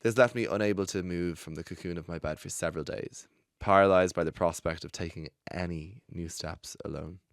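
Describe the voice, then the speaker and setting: A man, a podcast host, reading a personal story aloud in a studio, expressive and breaking into laughter now and then. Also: low voice, a little fast, dry recording. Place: recording studio.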